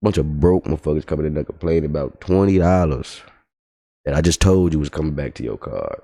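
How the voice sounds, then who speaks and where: A man's voice: a bass voice, brisk, creaky, mellow. A man livestreaming a casual, profane, exasperated storytelling rant. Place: home streaming setup.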